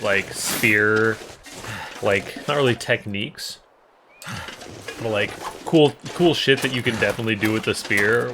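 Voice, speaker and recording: A man's voice: on the low side, background noise. A man giving casual, rambling commentary while playing a video game, joking and talking to the screen. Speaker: let's play host.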